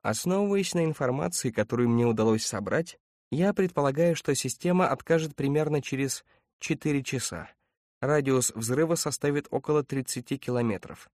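A man voicing a calm, precise male android officer who speaks in a measured, clinical way. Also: mid-range voice, no room sound, clean studio sound, close to an everyday voice.

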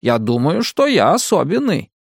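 A man reading as a slow, taunting masked torturer. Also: on the high side, wildly swooping pitch, gravelly, husky, no room sound, studio quality, pitched above the performer's own voice, full character voice. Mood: menacing. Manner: slow, drawn-out taunting delivery. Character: menacing masked male torturer, calm and mocking. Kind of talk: audiobook character reading.

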